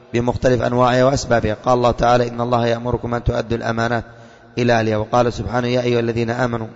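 Man quizzing students in echoey classroom. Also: medium pitch. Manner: quizzing, calls on students, repeats answers. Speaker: religious teacher. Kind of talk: classroom lesson with questions to students. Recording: long reverb, dull lo-fi.

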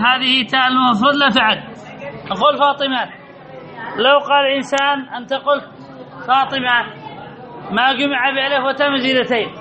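A man teaching a grammar lesson, repeating rules and quizzing his listeners with questions. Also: very high voice. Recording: dull lo-fi recording with audience murmur.

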